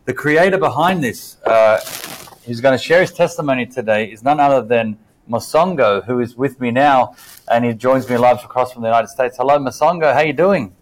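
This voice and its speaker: A man hosts a podcast interview in an upbeat, welcoming manner. His voice sits at an ordinary middle pitch, and he sounds keen and encouraging as he puts his questions to the guest. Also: a little hiss or hum, low-quality recording. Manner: upbeat and welcoming, quick to praise. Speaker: podcast host. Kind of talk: casual interview.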